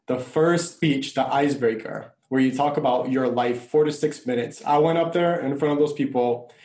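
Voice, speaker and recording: A man's voice: mid-range voice, moderate pace, a little mellow. Earnest Bulgarian-born man, echoey room. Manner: earnest storytelling. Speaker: guest, coach and speaker. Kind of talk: conversational interview.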